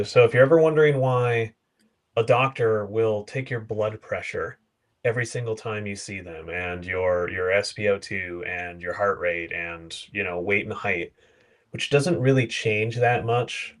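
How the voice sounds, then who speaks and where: A man speaking as a guest in a casual panel chat over a video call, explaining with concrete examples and quick asides. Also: on the low side. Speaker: guest consultant.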